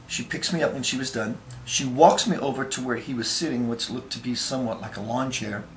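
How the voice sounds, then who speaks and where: A man's voice: mid-range voice, a little fast, echoey room, a little hiss or hum. A man earnestly telling a first-person story, with emphatic conviction.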